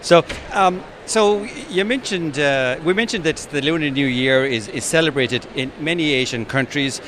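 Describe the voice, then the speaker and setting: A man's voice: on the high side, moderate pace, background noise. A man hosting a podcast interview at an exhibition stand, chatting and asking short prompting questions. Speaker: podcast host. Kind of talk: casual interview. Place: busy exhibition hall stand.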